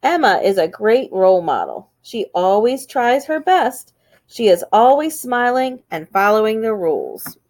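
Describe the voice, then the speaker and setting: A woman's voice: on the high side, big pitch swings, unhurried, a little mellow. A woman reading school morning announcements in an upbeat, sing-song way.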